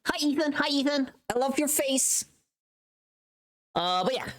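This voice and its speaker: This woman's voice sits high, and she keeps a measured pace while talking casually to her livestream audience. Her manner is scattered, expressive and self-deprecating.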